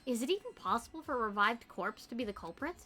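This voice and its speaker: A woman's voice: on the high side, very animated, quick pace, bright, forceful tone, faint music behind. A woman streamer giving casual live commentary as she plays a game. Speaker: streamer, VTuber.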